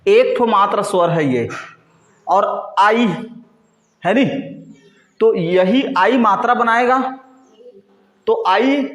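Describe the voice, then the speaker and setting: A man teaching a class slowly at a board, asking questions and answering them himself, with frequent checks that the class is following. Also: high voice, a bit bright, echoey room. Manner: frequent "ठीक है" and "है नी" check-ins.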